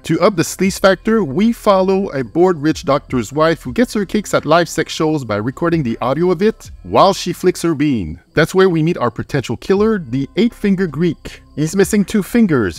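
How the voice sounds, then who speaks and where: Wry, higher-pitched man narrating a review. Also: very animated, normal speed, hardly any pauses, no room sound. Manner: wry, slangy, crude humour. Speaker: film reviewer, host. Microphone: close microphone, voice-over. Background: faint music.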